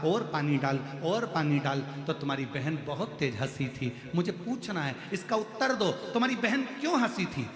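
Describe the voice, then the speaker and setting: A man's voice: a little high, natural voice. A preacher voicing a proud, demanding king who keeps insisting on an answer, in an echoey hall. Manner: insistent, loud, repeating his demands. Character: proud demanding male king, middle-aged. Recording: echoey hall with faint music.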